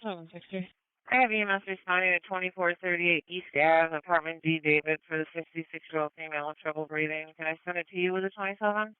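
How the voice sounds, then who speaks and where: Brief: woman dispatcher on police radio, crisp brisk delivery, narrow phone-like band, dry. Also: on the low side, fairly even intonation, dry recording. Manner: brisk, matter-of-fact, code words. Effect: police radio transmission. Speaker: emergency dispatcher. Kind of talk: clipped radio dispatch calls. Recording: tinny scanner radio, dry.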